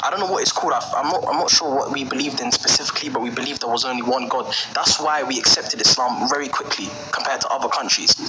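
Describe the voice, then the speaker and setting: A young man from Somalia calling into a heated debate, speaking in a rapid, repetitive, defensive way. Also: mid-range voice. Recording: loud line noise.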